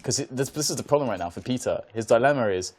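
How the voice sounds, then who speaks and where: A man's voice: medium pitch, lively intonation, fast, a little mellow. A man commentating an esports match from a studio, bantering between plays with a laughing, self-mocking manner. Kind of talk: casual play-by-play commentary.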